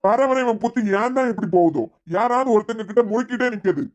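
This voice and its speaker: A man's voice: very high voice, fast. A man voicing a grumbling old grandfather in a cartoon serial, scolding his noisy grandson.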